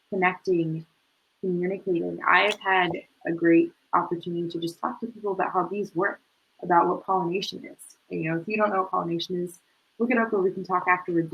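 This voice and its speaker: A young woman answers a panel question in earnest, broken-up phrases. Her voice is slightly low and breathy-husky. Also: highs cut off. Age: young adult. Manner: earnest, speaks in short phrases with pauses.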